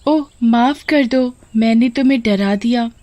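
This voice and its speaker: Woman putting on a shrill, sneering spoiled girl. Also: a little slow, mellow, dry recording, natural voice. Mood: mocking. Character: spoiled, mocking young woman.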